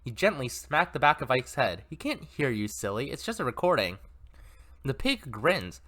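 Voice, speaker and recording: A man's voice: medium pitch, big pitch swings, moderate pace, sharp tone. A man reading an interactive novel aloud, chatting and correcting himself with amused asides. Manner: chatty, self-correcting, laughs at own mistakes. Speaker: story reader and commentator.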